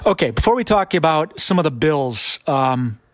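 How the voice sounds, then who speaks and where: A man hosting a conversational podcast in a casual, halting way, often restarting his phrases. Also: fairly high pitch, big pitch swings, a bit bright, no room sound. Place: basement of a guest home.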